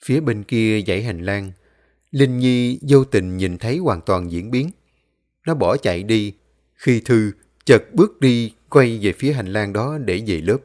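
A man narrating a ghost story in a steady storytelling manner. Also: fairly low pitch, a little slow.

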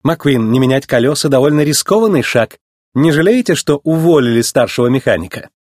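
A man voicing a brisk female television reporter in a storybook reading, asking questions. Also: mid-range voice, lively intonation, a little mellow, dry recording, studio quality, close to an everyday voice.

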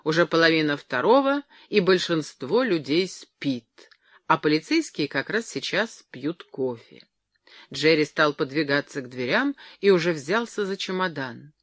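A reader giving an expressive audiobook narration of a comic story. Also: medium pitch, unhurried, no echo.

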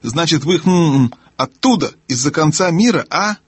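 A man doing a loud, deaf, grumpy old dwarf. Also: fairly high pitch, lively intonation, normal speed, breathy edge, dry recording, voice pushed up. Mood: gruff welcoming. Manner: loud, cantankerous, mishears and grumbles. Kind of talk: audiobook character voice.

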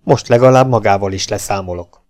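A man reading an audiobook who voices a brutal, hot-tempered male legionnaire, speaking harshly and loudly. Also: lowish voice, soft background music, close to an everyday voice. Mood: scornful. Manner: harsh, shouting, scornful. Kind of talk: audiobook character voice.

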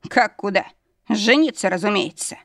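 A woman voicing an arrogant male demon lord who talks gruffly, commanding and smirking. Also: mid-range voice, moderate pace, fairly bright tone, no echo, clean studio sound. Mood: smug.

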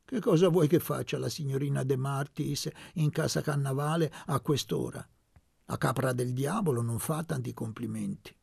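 A man voicing a crude, mocking young man who teases his friends loudly. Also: medium pitch, normal speed, gravelly, husky, dry recording, studio quality, pitched above the performer's own voice. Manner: sneering, boisterous.

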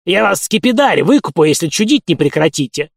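A man voicing an irascible old male dormitory warden with a high, reedy old man's tenor, yelling and cursing. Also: very animated, quick pace, creaky, dry recording, studio quality, heavily acted. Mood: shouting angrily.

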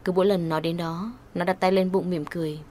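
A woman narrating an audio story at a steady, brisk reading pace. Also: on the low side, slight background noise.

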